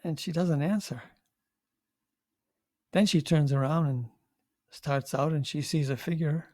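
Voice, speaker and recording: An older man, a priest, giving a conversational homily with halting restarts and wry asides. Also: on the high side, dark tone, no echo. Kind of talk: homily reflection.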